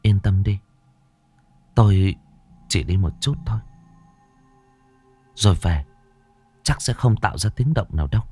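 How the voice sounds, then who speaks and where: A man's voice: deep voice, lively intonation, measured pace, pauses often, dark tone, slightly rough, soft background music, heavily acted. A man voicing a pregnant young noblewoman in an audio story, who speaks in a curt, insistent way.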